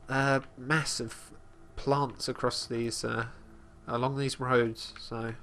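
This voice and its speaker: A man casually commenting on his gameplay as host, talking about his character in third person with halting restarts and fillers. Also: medium pitch, a bit bright. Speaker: let's play host.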